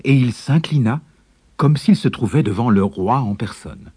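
A man narrating a storybook in a measured, expressive way. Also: medium pitch, breathy edge, dry recording.

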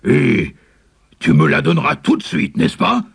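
A man's voice: sits low, wildly swooping pitch, unhurried, vocal fry, fairly bright tone, breathy edge, heavily acted. A man voicing a sly, greedy tiger in a storybook, purring and scheming as he talks. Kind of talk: storybook character voice.

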